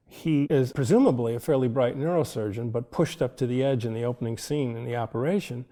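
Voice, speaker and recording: An older man with a mellow, warm voice recalls his work as a film director in an interview. His delivery is thoughtful and anecdotal, and light chuckles come through. He speaks in an easy, middle-pitched voice. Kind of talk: reflective interview storytelling.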